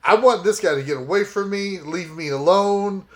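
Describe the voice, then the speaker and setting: A man playing a tabletop horror game, talking excitably and brashly, in and out of character. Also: high-pitched, normal speed. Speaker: player.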